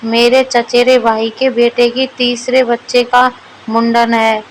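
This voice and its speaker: A woman's voice: a little high, flat delivery, takes it slowly, slight background noise, poor audio. A woman voicing a firm, nagging wife who scolds her husband about his eating in a storybook. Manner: nagging, matter-of-fact.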